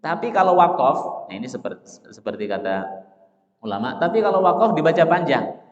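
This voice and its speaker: Male mosque lecturer, questions the room then answers himself, slow recited examples; roomy hall echo, dull lo-fi sound. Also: a little high, big pitch swings. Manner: asks the audience questions and answers them himself; addresses listeners as Pak, Bapak Ibu. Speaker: Islamic teacher. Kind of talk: dawn mosque study lecture.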